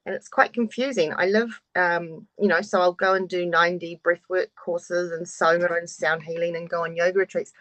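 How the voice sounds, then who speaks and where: A woman's voice: lowish voice, fairly even intonation, normal speed, hardly any pauses, fairly bright tone, no room sound, low-quality recording. A woman in her forties giving a frank, open introduction of herself on a video call, swearing now and then. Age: 40s. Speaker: course participant.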